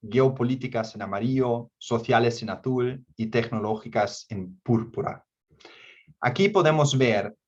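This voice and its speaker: A man from Germany speaking non-native Spanish with a German accent and small slips, presenting an online workshop. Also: mid-range voice. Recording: dull, band-limited online call audio.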